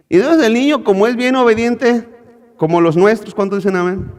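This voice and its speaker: A man's voice: high-pitched, brisk, a little mellow. A man preaching a sermon, quizzing his congregation with rhetorical questions. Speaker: pastor. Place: church hall. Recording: echoey church hall.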